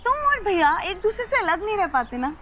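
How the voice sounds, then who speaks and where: A woman's voice: extremely high pitch, big pitch swings, normal speed, a bit bright, slight background noise, full character voice. An actress playing a chatty, outspoken young woman who teases and argues in a TV drama. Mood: teasing. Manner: bubbly, teasing, outspoken. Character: chatty teen girl Lovely, lively and bold.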